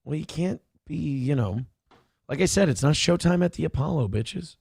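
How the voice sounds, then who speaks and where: American guy doing sarcastic political comedy talk, really animated, slightly high voice, dry sound. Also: normal speed, gravelly, slightly rough, no echo. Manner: sarcastic, mocking, emphatic. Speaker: talk show host.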